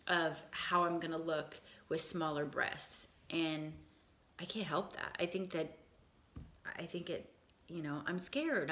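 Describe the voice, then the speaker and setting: A woman's voice: deep voice, a bit bright. A woman in her late thirties talking candidly in a casual personal vlog, rambling with lots of fillers and restarts. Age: 30s. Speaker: vlogger.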